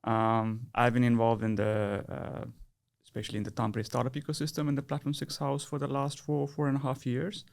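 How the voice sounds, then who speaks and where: A young man from Nepal with a gravelly, creaky edge to his mid-pitched voice. He speaks as a podcast guest in casual, hesitant chat, often restarting his sentences and filling pauses. The pitch sits in an ordinary middle range. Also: level tone. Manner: hesitant, many restarts and fillers.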